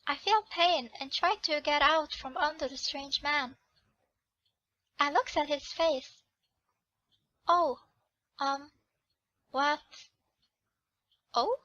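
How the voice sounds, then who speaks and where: A woman narrates a romance visual novel aloud in the heroine's voice and stops to correct her own reading. Her voice is high and bright, and she speaks slowly. The recording is dry and slightly dull. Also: dry recording. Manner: reads the heroine's lines, corrects herself aloud. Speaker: channel host reading a game.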